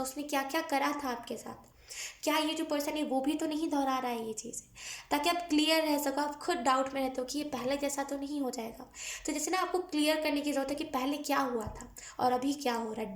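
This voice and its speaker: A woman giving a collective tarot reading to her viewers, earnest and coaxing, repeating her advice as she speaks directly to them. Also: high voice. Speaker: tarot card reader. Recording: echoey room.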